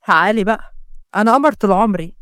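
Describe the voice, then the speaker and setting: A woman's voice: mid-range voice, very fast, no room sound, studio quality, voice pushed down, natural voice. A woman voicing a sly, scheming young man with an Egyptian accent, smug and coaxing.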